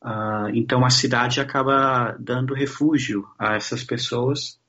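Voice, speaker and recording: A man's voice: medium pitch, steady tone, sharp tone, muffled recording. A man from Brazil, a social scientist guest, answering interview questions thoughtfully with frequent restarts. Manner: thoughtful, halting, many restarts.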